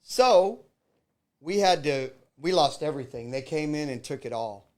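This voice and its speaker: Guy who grew up in mexico, talking on live radio, emphatic, kinda high voice. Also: unhurried. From grew up in Mexico, born in Texas. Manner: animated, emphatic storytelling. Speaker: radio show co-host. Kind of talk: live talk radio chat.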